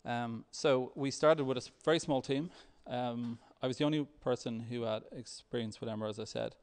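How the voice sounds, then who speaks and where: At a tech meetup, a man walks the audience through a live software demo during a conference talk. His mid-range voice has a clear creak, and while his speech is hesitant and halting, his tone stays steady.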